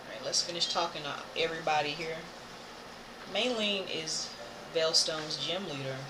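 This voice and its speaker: An American game streamer thinks aloud while playing, his medium-pitched voice at a moderate pace set against noisy video game music. His casual commentary is playful; he hums filler tunes and reads game text aloud.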